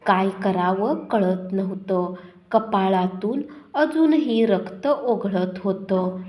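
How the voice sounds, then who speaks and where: A woman narrating a first-person village story in a measured, dramatic way. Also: mid-range voice, darkish tone.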